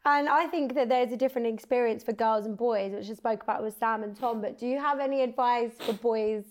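A woman's voice: on the high side, a little fast. A woman, hosting a casual chat in a teasing, slangy way. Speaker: podcast host.

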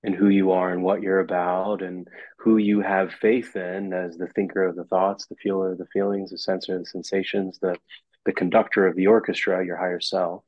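A man, a therapist and guest, answers questions in a measured, explanatory way. His voice is somewhat low. The sound is a little dull and dry, with no room echo. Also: little pitch movement. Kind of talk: interview answers.

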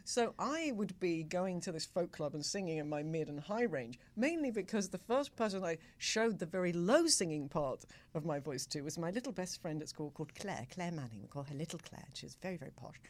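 A woman's voice: lowish voice, fairly quick, few pauses. A middle-aged English woman, a singer-songwriter guest, chatting in an interview and acting out the voices of people she quotes. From England. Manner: animated storyteller, acts out quoted voices. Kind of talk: casual interview chat.

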